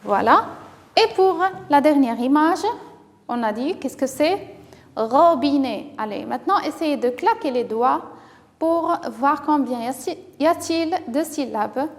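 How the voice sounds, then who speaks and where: Woman teacher doing a phonics lesson for little kids, high voice, slow and drawn out, lots of "très bien", long reverb tail. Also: animated. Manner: slow, carefully articulated, drawing out words to model sounds; encouraging, with frequent praise. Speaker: primary school teacher. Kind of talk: reading lesson for young children.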